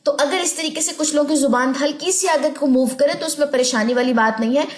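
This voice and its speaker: A woman teaching an online recitation lesson, explaining patiently and drawing out words slowly as she demonstrates. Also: sits high, reverberant. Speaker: tajweed teacher.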